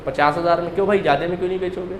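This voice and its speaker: A man's voice: high voice, steady tone, very fast, reverberant, crowd noise. A male accountancy teacher giving a classroom lecture, firing questions at students and answering them himself, repeating key terms.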